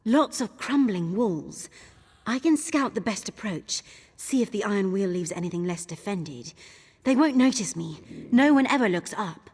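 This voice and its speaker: An actress playing a keen, earnest young thief and climber in a game cutscene. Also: female voice, medium pitch, lively intonation, normal speed, darkish tone, breathy edge, in a large hall. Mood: eager. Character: eager young woman thief, nimble climber.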